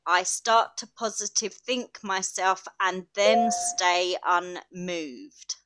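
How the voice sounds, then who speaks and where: A woman's voice: fairly low pitch, slow, a bit bright, clean tone. A woman in her thirties from Britain with a British accent, co-hosting a podcast and chatting with frequent laughter. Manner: chatty, laughs often, acts out quotes. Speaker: podcast co-host. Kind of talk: casual podcast chat.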